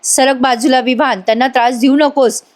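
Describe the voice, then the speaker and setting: A defiant young bride orders people about in sharp bursts, voiced by a woman recapping a serial. Her voice is bright and a little high. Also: steady tone, moderate pace, close to an everyday voice. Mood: angry.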